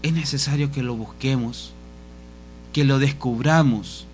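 A man preaching a sermon in a fervent, pleading way, his voice dropping soft each time he addresses the congregation. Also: mid-range voice, unhurried, a little hiss or hum.

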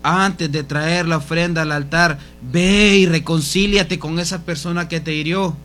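A man preaching with fervor, urging the faithful on in a fairly high voice. His voice rises to plead and sinks low and soft each time he turns to the congregation. Gentle guitar plays faintly behind him. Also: fairly even intonation, measured pace. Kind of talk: sermon.

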